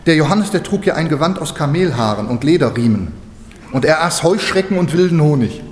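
A man preaching a sermon, telling stories lively and acting out the dialogue. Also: on the high side, brisk. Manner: animated storytelling, acting out dialogue with laughter. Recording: echoey hall.

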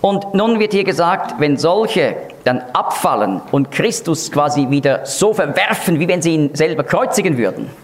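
A man's voice: on the high side, very animated, moderate pace, hardly any pauses. A man teaching an expository Bible lesson in an emphatic, explanatory way, leaning hard on key words.

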